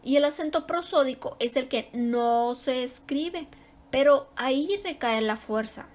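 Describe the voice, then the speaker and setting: Woman teaching a spoken grammar lesson. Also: high voice. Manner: explains slowly, repeats example words with stress.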